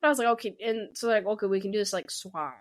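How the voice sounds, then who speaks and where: She's a fast talker with a medium pitch, a woman in her twenties who co-hosts a podcast. In casual chat she spins a rambling story, laughing and acting out other people's words.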